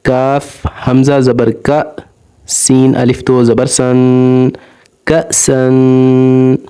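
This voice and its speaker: With a warm, clean, medium-pitched voice and flat delivery, a man guides Quran recitation. He breaks words into letters and syllables, then slowly and patiently pronounces the full joined word.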